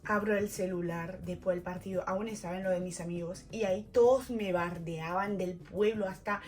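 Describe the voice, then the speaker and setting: A woman's voice: lowish voice, fairly even intonation, moderate pace, a little mellow. A French woman in her twenties, a native French speaker with a French accent, telling a personal story to camera in casual vlog style, acting out other people's voices and dropping in Argentine slang. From France. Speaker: vlogger.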